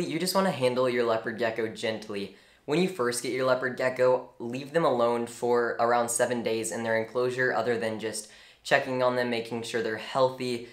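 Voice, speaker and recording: A young man giving an informal, earnest tutorial on reptile care, with strong opinions and lively emphasis. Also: mid-range voice. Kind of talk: informal instructional talk. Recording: echoey room.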